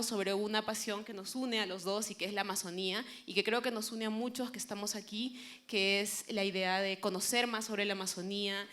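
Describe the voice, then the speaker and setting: A woman's voice: mid-range voice, fairly bright tone. A woman with a Peruvian accent, a journalist hosting a live interview on stage. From Peru.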